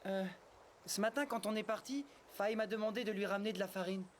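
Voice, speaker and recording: Man acting a high-voiced, earnest teenage apprentice. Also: a little fast, noisy background, close to an everyday voice. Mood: hesitant. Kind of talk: anime dub acting.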